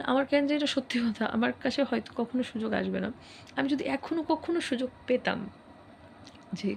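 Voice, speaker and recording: A woman's voice: a little high, vocal fry, a little hiss or hum. A woman vlogger talking candidly and reflectively in a casual personal chat. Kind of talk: casual personal talk to camera.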